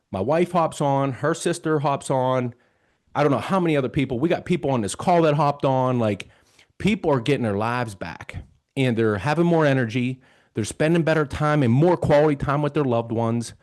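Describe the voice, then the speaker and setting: A man's voice: medium pitch, darkish tone. A man in his fifties hosting a show, casually and earnestly telling a personal story and retelling dialogue as he goes. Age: 50s. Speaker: host.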